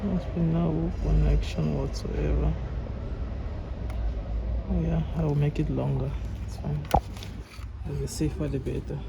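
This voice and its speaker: A man with a Cameroonian accent, a repair technician talking calmly as he works, often restarting his sentences. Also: on the high side, unhurried, creaky, pauses often, very noisy. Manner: calm, explaining as he works, with frequent restarts. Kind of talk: casual workshop vlog talk.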